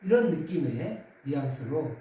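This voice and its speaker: A man pastor giving a sermon in a conversational way, now and then acting out quoted voices with his pitch rising. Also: sing-song, measured pace, mellow. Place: church sanctuary. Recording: echoey church hall from far off.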